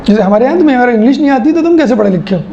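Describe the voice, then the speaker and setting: Gravelly-voiced woman teaching a lecture. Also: fairly high pitch, expressive, reverberant, dull audio, background noise. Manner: explanatory, rhetorical questions, mimics people. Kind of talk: classroom lecture.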